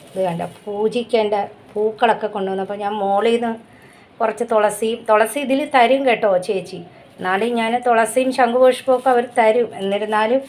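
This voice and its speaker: A woman's voice: a little mellow, a little hiss or hum, poor audio. A woman chatting casually to camera at home about her pet dog and her daily routine. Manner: chatty, switches to high coaxing calls to her dog. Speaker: pet vlogger. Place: home in a city in India.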